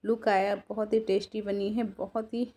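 A woman hosting a cooking channel, calmly explaining each step of a home recipe to viewers as she cooks. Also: medium pitch, normal speed. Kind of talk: casual cooking voice-over. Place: home kitchen.

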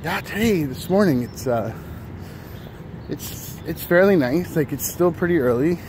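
A man's voice: on the high side, expressive, a little slow. A man in his thirties chatting casually while walking, a bit out of breath, rambling with many fillers and restarts. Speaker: vlogger. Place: city street outdoors in early morning. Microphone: phone held at arm's length. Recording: phone audio with street noise. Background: traffic and city noise.

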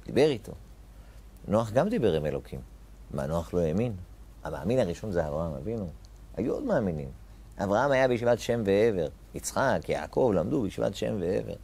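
A man's voice: fairly low pitch, sing-song, vocal fry, darkish tone, husky. A man teaching a Torah lesson as a rabbi, posing rhetorical questions and repeating key phrases with emphatic rises on important words.

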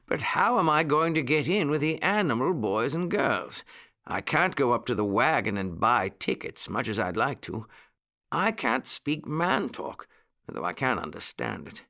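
A man voicing an elderly, cheerful rabbit gentleman in a storybook who speaks eagerly and keeps exclaiming. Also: mid-range voice, unhurried, full character voice. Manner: excitable, exclaiming.

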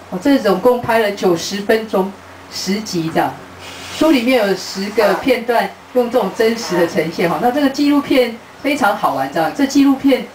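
At a bookstore event, a middle-aged woman with a mid-range voice talks about her travel book to a live audience. She's an animated storyteller who plays out dialogues and laughs a lot. The sound is distant and roomy, with faint hiss.

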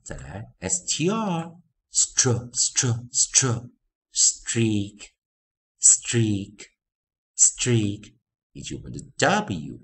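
A man teaching English pronunciation, repeating sounds and words slowly and with emphasis in a phonics lesson. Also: low-pitched. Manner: drawn-out, emphatic word drills; self-refers as teacher.

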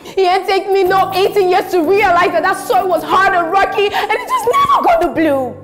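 A woman plays a wounded wife who has finally had enough, voice pitched high and pushing from hushed bitterness to strained force. Clear music plays underneath. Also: big pitch swings, normal speed. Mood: anguished. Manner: builds from low and quiet to loud and strained. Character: hurt wife leaving unfaithful husband, proud. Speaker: actor performing an audition monologue.

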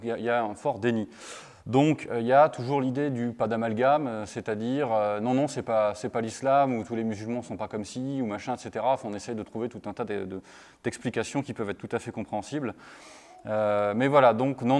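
A man's voice: mid-range voice, darkish tone. A man giving a conference talk, hesitant, with many fillers and restarts. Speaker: lecturer. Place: conference hall. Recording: long hall reverb.

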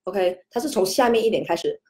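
A woman's voice: mid-range voice, fairly quick, warm tone. A woman hosting a casual spoken lesson. She chats, peppers her talk with "OK", and stretches out single syllables to show each tone rising, falling or staying level. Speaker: host and language teacher.

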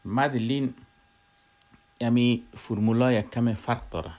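A man with an Afghan Dari accent explaining a Quran recitation lesson, pausing often with filler sounds. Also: medium pitch, fairly even intonation, darkish tone. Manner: halting, frequent filler hesitations.

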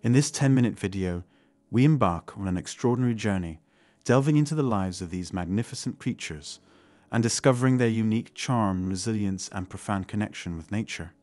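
Male nature documentary narrator, lowish voice, grand scripted delivery, dry studio-style sound. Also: a little fast, dark tone, no echo. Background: faint music.

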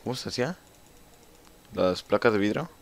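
Talking to himself while he plays, this young gamer with a Mexican Spanish accent keeps up a chatty commentary full of swearing. He speaks at a moderate pace in a lowish, expressive voice.

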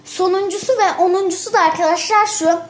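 A woman's voice: extremely high pitch, brisk, reverberant. A woman vlogger talking casually to her camera, acting out her examples dramatically and repeating phrases for effect. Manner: animated, acts out examples dramatically.

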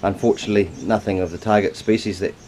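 A man's voice: fairly low pitch, fairly even intonation, fast, darkish tone. A man, hosting a casual vlog on a handheld camera. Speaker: host. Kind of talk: casual hunting vlog chat. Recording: noisy handheld camera audio.

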